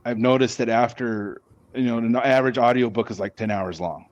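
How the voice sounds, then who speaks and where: A man's voice: medium pitch, no echo, highs cut off. A man, a podcast guest, answering interview questions casually, often stopping and restarting his words. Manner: halting, with many restarts and repeated words.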